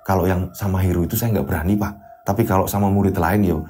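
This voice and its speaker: A man with a Javanese accent voicing a fearful male school counselor who speaks quietly and apologetically. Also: deep voice, fairly even intonation, moderate pace, voice pushed down, lightly acted. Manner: hushed, nervous, apologetic.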